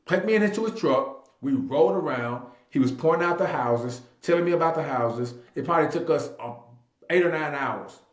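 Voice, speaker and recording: A man of about thirty, a real estate agent and investor, tells his personal story in a casual interview, animated and emphatic, repeating phrases and acting out snippets of dialogue. His voice is fairly high and expressive at a normal speed, recorded in an echoey room.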